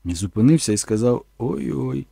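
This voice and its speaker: A man narrates a first-person audiobook in a plain, earnest way. His voice is gravelly and husky with a dark tone, and his lively delivery sits in a dry, close recording. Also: medium pitch, brisk, no echo.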